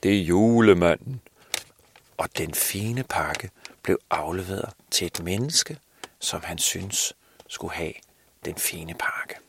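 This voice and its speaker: A man's voice: low voice, creaky, bright, forceful tone, slightly rough. A man telling a Christmas story aloud, hesitant, restarting often and sometimes dropping to a whisper. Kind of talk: improvised Christmas story narration.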